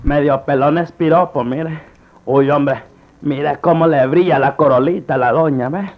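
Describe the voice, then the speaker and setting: Man as a highish folksy wisecracking sidekick. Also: normal speed, dull audio, lightly acted. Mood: wry, fretting. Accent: Central American. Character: folksy rustic male sidekick, wisecracking, touchy. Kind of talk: slapstick comedy sketch acting.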